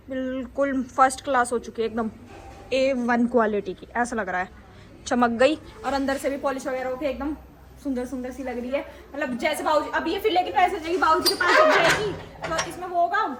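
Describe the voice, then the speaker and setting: A young woman chatting casually to camera in a family vlog at home, telling stories in an animated way. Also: high voice, background noise. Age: young adult. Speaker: family vlogger.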